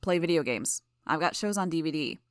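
A woman narrator reads a laid-back young man who speaks with wry, offhand ease. The voice is low and close to the narration, with a dry sound. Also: lively intonation, a little fast, no echo.

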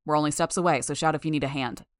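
Woman doing a calm, instructive gruff man. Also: sits low, racing, dry recording, clean studio sound, natural voice. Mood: approving. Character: gruff large male mentor with an echoing voice.

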